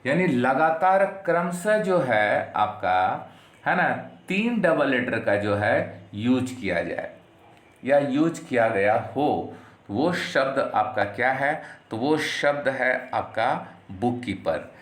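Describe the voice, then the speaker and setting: A man from Bihar with an Indian accent, teaching an English lesson and explaining slowly, with lots of repetition and tag questions. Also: medium pitch, animated. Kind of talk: classroom lesson. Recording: echoey room.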